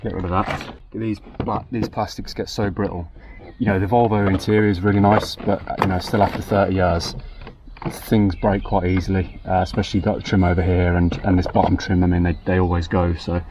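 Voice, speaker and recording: A man's voice: deep voice, little pitch movement, a little fast, noisy background. A man hosting a casual car repair vlog, chatting and thinking aloud with dry asides as he works in a garage. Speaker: car repair channel host.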